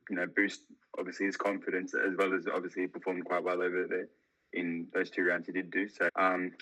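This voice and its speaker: Young man, 16, low voice, bright tone, measured, filler-heavy. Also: rough recording. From Melbourne, Australia. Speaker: racing driver, podcast guest.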